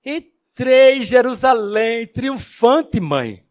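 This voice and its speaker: A man voicing an excited young male donkey foal in a fable, talking eagerly. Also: high-pitched, moderate pace.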